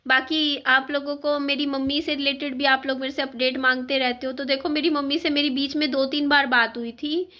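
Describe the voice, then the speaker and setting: A woman chatting casually to her viewers in a rambling vlog, with a sore throat that she clears now and then. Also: high-pitched, little pitch movement, fairly quick, hardly any pauses, sharp tone. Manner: chatty, rambling, with frequent fillers. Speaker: vlogger. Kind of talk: casual chat to camera.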